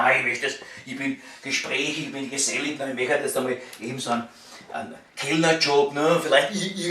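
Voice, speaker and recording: High-voiced grumbling Viennese man. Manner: grumbling, coarse-mouthed, repetitive. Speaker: waiter venting about the job. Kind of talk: rambling casual rant. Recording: echoey room, distant microphone.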